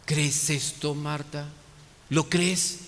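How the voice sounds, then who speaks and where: A priest giving a lively sermon, acting out the biblical figures as he tells their story. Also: on the high side, drawn-out words, a little hiss or hum. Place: church. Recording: echoey church hall.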